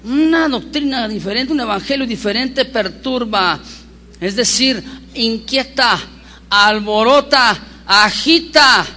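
A man preaching a sermon as pastor, telling stories with lively emphasis and asking the congregation rhetorical questions. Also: extremely high pitch, slow pace. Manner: animated storyteller with rhetorical questions.

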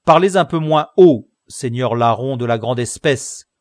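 A man's voice: mid-range voice, very animated, measured pace, dark tone, husky, no room sound, clean studio sound. A man voicing a stern, scornful male guard who scolds prisoners. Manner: barking, scolding.

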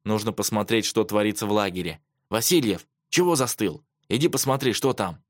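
A man voicing a calm schoolteacher giving steady instructions to pupils in an audiobook. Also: lowish voice, fairly quick, dry recording, studio quality, natural voice.

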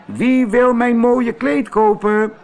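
Casting: man doing a simple, blunt boy, loud and eager, high and lively. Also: a little slow, exaggerated voice. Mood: calling out.

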